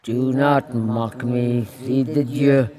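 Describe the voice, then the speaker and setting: Woman voicing commanding male archangel, low pitch, very slow righteous proclamations, grand, insistent, stage drama. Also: steady tone, crowd noise. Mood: imperious. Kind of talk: dramatic monologue over music.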